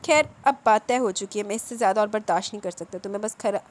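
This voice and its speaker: A woman's voice: mid-range voice, lightly acted. A woman reading the part of an older husband who speaks firmly and with full confidence. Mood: firm calm. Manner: firm and self-assured. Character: older husband, calm, commanding, unyielding man.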